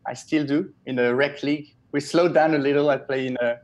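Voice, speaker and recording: A man from Switzerland in his thirties, speaking in a somewhat raised voice. He sounds relaxed and enthusiastic as a guest on a video call, recorded through an earphone headset in a small home office. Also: a little high, brisk. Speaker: guest web developer. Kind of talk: casual video-call interview.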